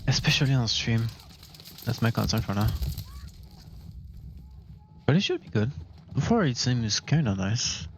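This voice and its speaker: A man's voice: medium pitch, sing-song, unhurried, pauses often, slight background noise, poor audio. Quebec French-accented man streaming a shooter. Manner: chatty, self-correcting, mumbles and laughs while playing. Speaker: gaming streamer. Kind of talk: casual live-stream commentary.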